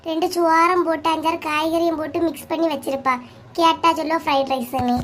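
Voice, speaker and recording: A woman voicing sharp-tongued village women in a cartoon comedy, with a Kanyakumari Tamil accent and a nagging, scolding way of talking. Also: high voice, little pitch movement, fast talker, a little hiss or hum, lightly acted. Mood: bickering.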